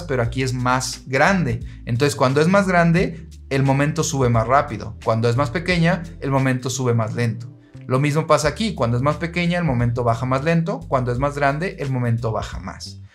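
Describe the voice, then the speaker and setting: A man teaching engineering, explaining diagrams in a patient, steady way and speaking straight to the listener. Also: medium pitch.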